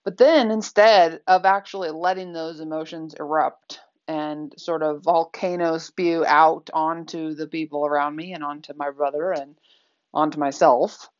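A woman's voice: low voice, fairly even intonation, measured pace, highs cut off. A woman speaking candidly in a reflective personal talk, conversational and full of fillers.

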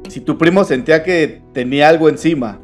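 A man's voice: a little high, brisk, faint music behind. A man with a Mexican accent, chatting casually and summing up a friend's story with slang. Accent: Mexican Spanish. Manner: reacts with slang, sums up the story. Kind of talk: casual chat.

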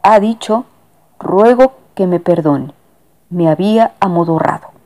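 Woman doing a calm young passenger. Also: on the low side, unhurried. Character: calm young man interpreting a cat.

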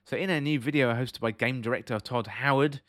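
A man presents a podcast in a scripted commentary and news-reading style. His voice sits at an average male pitch. The recording is very dry, with almost no room sound. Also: fairly quick, fairly bright tone, no room sound. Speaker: host of a video game podcast.

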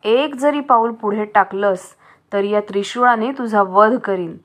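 A woman's voice: medium pitch, unhurried, lightly acted. A woman voicing a brave young mother of two who talks firmly and scolds. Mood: defiant. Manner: firm, scolding.

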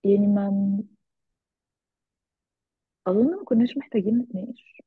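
A woman with an Egyptian Arabic accent giving a halting, reflective personal account as an interview guest. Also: mid-range voice, breathy edge, no echo. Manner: halting, reflective, with trailing phrases. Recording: thin, phone-like narrow-band sound.

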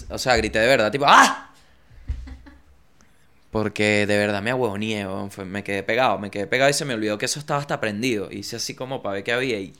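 A man's voice: fairly low pitch, clear, resonant tone. A young man hosting a casual podcast, talking in a playful, slangy, joking way and slipping into little bits and impressions. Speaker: podcast host. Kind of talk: casual comedic podcast chat.

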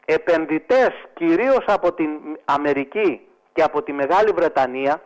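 A man with a notably high voice holds forth as a radio guest. He talks in an emphatic, indignant way and breaks into mocking impressions of ad voices to make his point. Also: expressive, low-quality recording. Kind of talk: radio talk show discussion.

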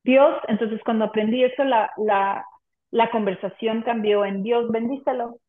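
A woman guest shares an earnest, emotional personal testimony of faith during an interview. Her voice sits on the high side with fairly even intonation at a moderate pace, heard in an echoey room over a tinny, phone-like line.

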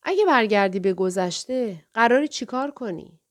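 A woman voicing a calm, reserved young café waitress who asks polite, matter-of-fact questions in an audiobook. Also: fairly high pitch, natural voice. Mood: composed. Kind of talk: audiobook character voice.

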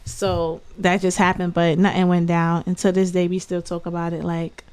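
A woman's voice: on the low side, flat delivery, normal speed, darkish tone, clear, resonant tone, no room sound. A woman in her twenties, a hairstylist guest on a podcast, chatting casually in a laid-back, slangy way and laughing often. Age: 20s. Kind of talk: casual chat.

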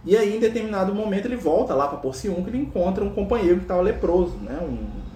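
A man's voice: high-pitched, sing-song, fast, dark tone, roomy sound, a little hiss or hum. A man telling a spiritual story as a lecture, chatty and conversational, constantly checking in with his listeners. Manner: conversational, peppered with tag questions.

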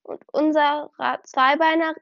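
A woman's voice: sits high, steady tone, unhurried, dry recording, muffled recording. A woman voicing a hot-headed young male house cat who talks in an angry, huffy way.

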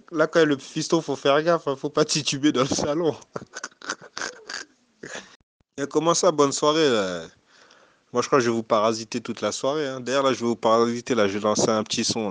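A man's voice: medium pitch, dry recording. Joking man, dry close sound. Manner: laughing, joking, slangy. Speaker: friend on a group call. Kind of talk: casual chat.

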